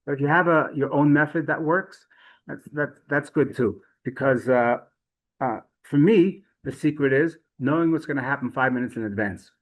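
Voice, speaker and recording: A man teaching a Torah class, telling stories in a chatty way with frequent restarts and lively swings in pitch. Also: moderate pace, low-quality recording. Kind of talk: storytelling Torah lesson.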